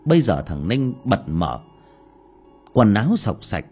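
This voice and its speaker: Husky-voiced man narrating a horror story. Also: fairly low pitch, a little slow, soft background music. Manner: dramatic, expressive storytelling. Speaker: audiobook narrator.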